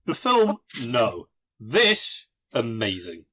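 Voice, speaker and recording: A man's voice: medium pitch, wildly swooping pitch, slow, sharp tone, husky. A man hosting a casual podcast, reading out film reviews and adding emphatic, amused asides. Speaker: podcast host.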